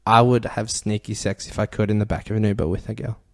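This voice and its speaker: A man's voice: fairly low pitch, little pitch movement, fast talker, creaky, dry recording. A young man hosting a casual podcast, reading out confessions in a crude, giggly way and often laughing mid-sentence. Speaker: podcast host.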